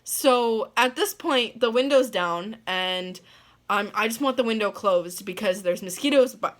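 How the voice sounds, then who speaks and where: A young woman from the northeastern US rambling through a story in a casual vlog, full of "like" and quick laughs. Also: medium pitch. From northeastern United States. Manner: rambling, lots of "like", laughs mid-sentence. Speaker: vlogger.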